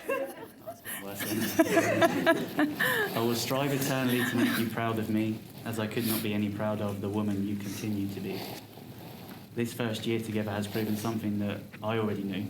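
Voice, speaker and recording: A man's voice: fairly low pitch, little pitch movement, fast. A man with a Scottish accent reading his own wedding vows, earnest with bashful laughs. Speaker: groom renewing vows. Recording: background noise.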